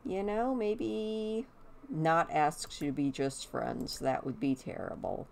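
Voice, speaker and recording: A woman does casual game commentary at an unhurried, slow pace in a slightly low voice. Her s sounds carry a slight whistle, and she chats away to the characters she controls. There is clear noise behind her. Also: darkish tone. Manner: chatty, talks to the game characters. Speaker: gameplay host.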